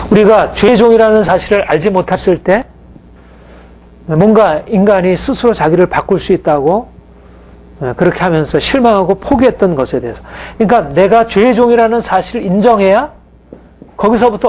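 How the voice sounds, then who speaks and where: Higher-voiced male pastor preaching. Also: moderate pace, darkish tone, low-quality recording. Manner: conversational preaching with frequent fillers and rhetorical questions. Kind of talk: sermon.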